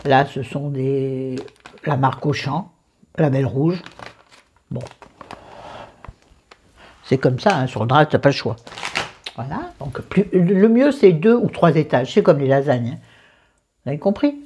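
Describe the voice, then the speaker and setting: A woman's voice: low-pitched, lively intonation, measured pace, pauses often, a little mellow, a little hiss or hum. A woman casually walking viewers through a recipe, chatty and digressive, with joking asides to herself. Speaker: cooking vlogger.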